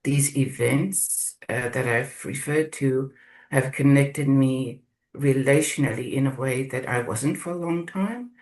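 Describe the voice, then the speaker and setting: A man from South Africa sharing his experience in a group video call, speaking slowly and haltingly as he searches for words. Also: medium pitch, a little mellow, rough recording. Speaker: course participant.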